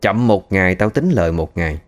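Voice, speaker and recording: A man's voice: deep voice, expressive, fairly quick. A man voicing a foul-mouthed greedy moneylender woman. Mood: defiant. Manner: harsh scolding, cursing.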